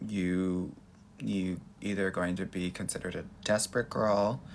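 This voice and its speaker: A low-voiced American man chats like everyone's sassy best girlfriend on a casual livestream. His delivery is effusive and girly, with plenty of gravelly fry underneath. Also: steady tone, a little slow, a little hiss or hum. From Los Angeles, United States. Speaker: dating coach and livestream host. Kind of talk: casual livestream chat answering viewer questions.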